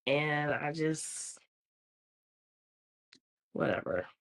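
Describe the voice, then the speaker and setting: A woman's voice: low-pitched, animated, drawn-out words, creaky. A young woman co-hosting a podcast in casual chat, teasing in a dry, matter-of-fact way. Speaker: podcast co-host.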